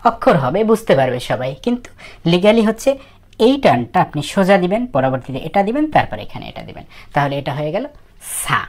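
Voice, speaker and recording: Woman, very low voice, casual teacher, slow step-by-step explanations, soft trailing delivery. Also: very animated. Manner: explains slowly, repeating each step of writing the letters. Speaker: Japanese language teacher. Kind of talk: casual spoken lesson.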